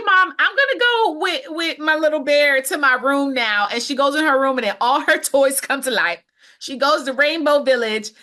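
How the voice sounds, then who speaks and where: A young adult woman co-hosting a podcast in casual chat, animated and emphatic with playful asides. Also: a little high. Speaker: podcast co-host.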